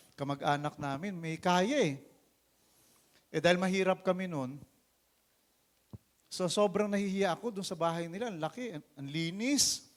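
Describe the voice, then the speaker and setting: A man with a Filipino accent, a pastor preaching an animated sermon that swings between loud calls and low asides. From Philippines.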